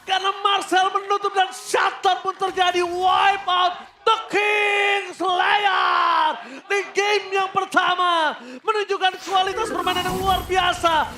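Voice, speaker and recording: An Indonesian man shoutcasting an esports match like a fighting game announcer, yelling play-by-play and drawing out the key calls. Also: very high voice, little pitch movement, takes it slowly, few pauses, a crowd in the background. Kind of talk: hype play-by-play game commentary.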